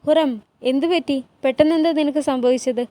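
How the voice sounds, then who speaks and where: A woman voicing a caring, concerned royal princess who reassures her friend. The voice is fairly high, close and dry. It is read out as a retold palace drama. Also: normal speed, warm tone, no room sound, natural voice.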